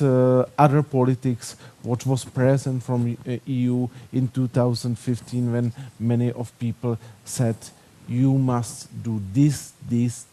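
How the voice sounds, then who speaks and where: Here a Czech man with a warm, mid-range voice takes part in a conference panel. His English is halting and non-native, marked by a Czech accent and frequent fillers.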